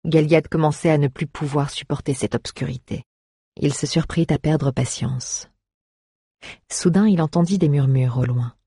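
Husky, measured audiobook narrator. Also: mid-range voice, dry recording, clean studio sound. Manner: even, measured storytelling. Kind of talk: scripted narration.

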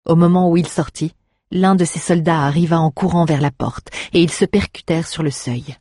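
A narrator reading an adventure story aloud in a steady, dramatic way. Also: medium pitch, moderate pace, no echo, clean studio sound. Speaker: audiobook narrator.

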